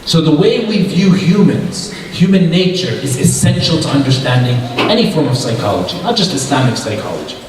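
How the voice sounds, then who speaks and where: Man, slightly high voice, preaching to youths, repetitive and questioning; far-off mic in a very echoey hall. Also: animated, fairly quick, hardly any pauses, noisy background. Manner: asks the audience questions, repeats short phrases for emphasis. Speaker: youth conference speaker. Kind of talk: religious talk to a youth audience. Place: large hall with an audience.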